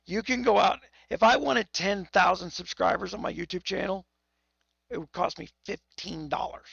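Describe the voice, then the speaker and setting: Gravelly, tipsy male livestreamer. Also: high-pitched, moderate pace, fairly bright tone, dry recording, dull audio. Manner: rambling and profane, with many restarts. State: tipsy from whiskey; hoarse, losing his voice. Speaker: game livestreamer. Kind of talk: rambling live-stream chat.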